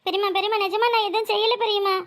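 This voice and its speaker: A woman's voice: very high-pitched, flat delivery, very fast, noisy background. Woman voicing a meek pleading young niece. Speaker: cartoon character.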